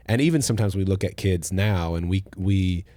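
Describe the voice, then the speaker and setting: Hosting a casual conversational podcast, a pastor talks in a low voice, a little fast, and sounds relaxed and thoughtful. His phrases often fade off softly, and the recording is dry.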